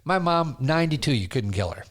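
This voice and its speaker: Animated older man hosting a chat. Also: on the high side, brisk. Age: 60s. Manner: easygoing, self-deprecating storyteller who laughs easily. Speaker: podcast host. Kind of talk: casual conversation.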